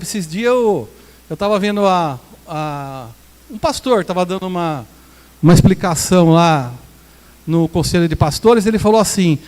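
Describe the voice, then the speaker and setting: A man's voice: high-pitched, in a large hall. A Brazilian pastor preaching a sermon in a conversational, joking way, acting out quotes from his congregation. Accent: Brazilian Portuguese. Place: small church hall.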